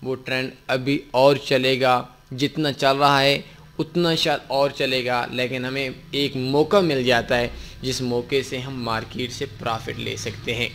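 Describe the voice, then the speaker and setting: A man's voice: mid-range voice, level tone, fairly bright tone, a little hiss or hum. Man explaining charts patiently. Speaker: forex trading instructor. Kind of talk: screen-recorded tutorial explanation.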